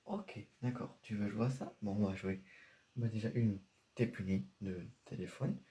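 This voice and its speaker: Brief: mellow-voiced stressed dad, scolds and repeats himself , played by a man in a home sketch. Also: fairly low pitch, moderate pace, a little hiss or hum, lightly acted. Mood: stern. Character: strict worried father scolding his son. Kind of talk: homemade comedy sketch.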